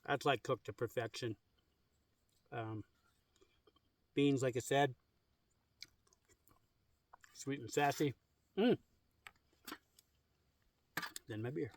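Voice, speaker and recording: An easygoing man talks through his outdoor camp dinner, rambling with fillers. He records on a phone camera in the open air. His voice sits a bit distant from the mic, at an average pitch for a man. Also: takes it slowly, long pauses. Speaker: vlogger. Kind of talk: casual camping vlog. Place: outdoors at a campsite on a cliff edge.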